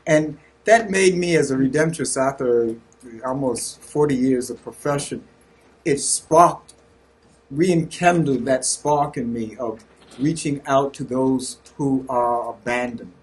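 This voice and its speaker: A husky-voiced man in his sixties with a Southern US drawl speaks slowly and earnestly. He shares reflections with a small group and pauses often to find the right words. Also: medium pitch. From North Carolina, USA. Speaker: Redemptorist priest sharing reflections.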